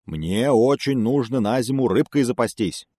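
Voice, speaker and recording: A man voicing a big clumsy greedy bear from a fairy tale, gruff and bossy. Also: mid-range voice, lively intonation, moderate pace, mellow, dry recording, studio quality, pitched above the performer's own voice, close to an everyday voice. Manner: bossy, blustering.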